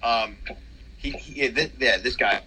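A young man co-hosting a casual podcast, opinionated and quick to agree, with plenty of fillers. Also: mid-range voice, pushed and bright, breathy edge, low-quality recording. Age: young adult. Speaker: podcast co-host. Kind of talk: casual chat.

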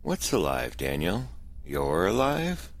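An actor playing a calm male doctor in charge, asking measured, probing questions in an audio drama. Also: deep voice, vocal fry, exaggerated voice.

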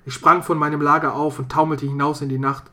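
A narrator reading a dark folk tale in the first person, measured and storytelling. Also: mid-range voice, level tone. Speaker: audiobook narrator.

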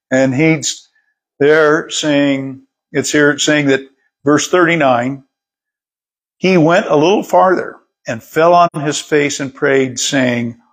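A man's voice: a little high, breathy edge. A middle-aged male pastor preaching a sermon in a conversational way, often repeating words as he reads and explains scripture.

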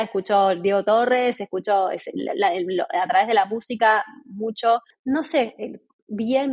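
Argentine lady in her 40s, kinda husky voice, chatty and lively, keeps restarting. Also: fairly high pitch. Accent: Argentine Spanish. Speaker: interview guest. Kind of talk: casual podcast conversation.

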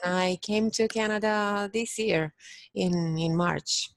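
A woman from Romania chats as a podcast guest, working through her ideas slowly with frequent restarts. Her voice sits at an ordinary middle pitch. The recording is dry and close, with no room sound. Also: no echo. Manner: thoughtful, many restarts and fillers. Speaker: podcast guest, business owner. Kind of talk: casual interview chat.

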